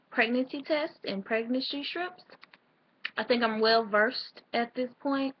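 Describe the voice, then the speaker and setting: Young woman vlogger, a little out of breath, chatty and rambling, slightly high voice, muffled home recording. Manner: rambling, chatty, with fillers and restarts. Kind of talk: casual late-night vlog talk.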